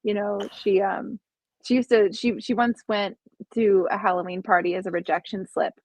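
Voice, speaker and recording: A woman's voice: mid-range voice, fairly even intonation, normal speed, rough recording. A young woman, a guest on a podcast, talking casually about her psychic readings, musing aloud and hunting for words. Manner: musing, searching for words, many restarts.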